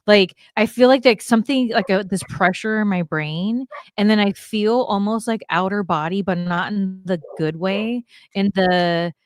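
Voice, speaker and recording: A woman's voice: mid-range voice, unhurried, no room sound. Woman guest on a video call, rambly, says like a lot, dry sound. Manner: rambling, full of "like". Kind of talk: casual chat.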